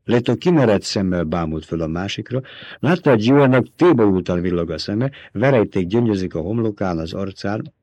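A man narrating an audiobook in a measured, calm storytelling manner. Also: fairly low pitch, dry recording.

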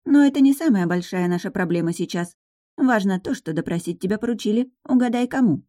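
A woman's voice: mid-range voice, lively intonation, a little fast, dark tone, no room sound, voice pushed up, close to an everyday voice. A woman voicing a small sardonic male dragon familiar who teases and lectures. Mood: teasing. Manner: teasing, dry, lecturing. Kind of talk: audiobook narration.

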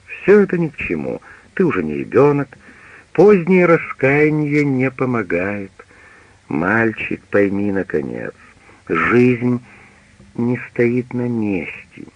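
A man's voice: medium pitch, very animated, slow pace, slight background noise, pitched above the performer's own voice. A man voicing a strict elderly mother who lectures her grown son in a reproachful tone, on a dull radio recording. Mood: lecturing.

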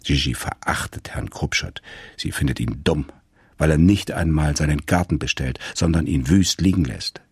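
A man reading a radio story aloud in a calm, measured storytelling manner. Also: a bass voice, slightly rough, no room sound, clean studio sound. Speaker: narrator.

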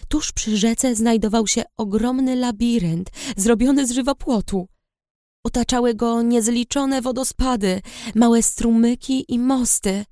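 A woman narrating a fantasy audiobook in first person, steady and measured. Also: mid-range voice, no room sound, clean studio sound.

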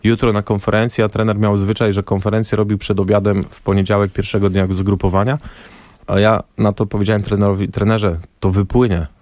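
Man, low register, radio guest telling anecdotes, dry studio sound. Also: fast, no echo. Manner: lively anecdotal storyteller, acts out quoted dialogue. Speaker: former national team press officer. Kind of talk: radio interview storytelling. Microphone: studio microphone.

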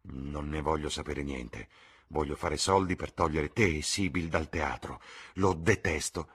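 A sullen, brooding young man, as a male reader gives him voice, blunt and grumbling. Very low and husky in tone. Storybook reading. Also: measured pace, exaggerated voice.

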